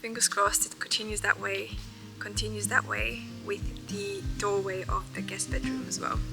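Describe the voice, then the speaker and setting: A woman's voice: medium pitch, little pitch movement, moderate pace, vocal fry, music in the background, rough recording. A woman vlogging a country house renovation, chatty and upbeat, laughing easily as she shows the work. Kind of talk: casual vlog narration.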